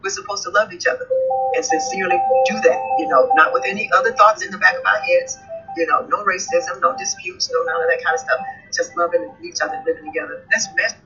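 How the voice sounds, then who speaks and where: A woman's voice: fairly low pitch, steady tone, fast talker, bright, forceful tone. A woman, telling her family story with heartfelt conviction in a played clip. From Atlanta, Georgia. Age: 70s. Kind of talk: earnest personal storytelling. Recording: dull lo-fi clip with faint music behind.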